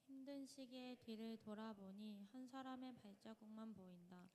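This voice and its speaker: A woman reading a devotional text aloud at a measured pace as part of a church service. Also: on the high side, darkish tone. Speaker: congregation reader. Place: church sanctuary. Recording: long church reverb.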